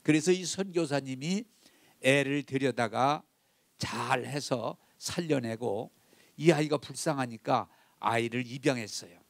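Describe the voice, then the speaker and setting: A man's voice: medium pitch, unhurried, vocal fry, no room sound. A male pastor preaching a sermon, telling a story with feeling and speaking straight to the congregation. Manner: emotive storytelling, addressing the congregation directly.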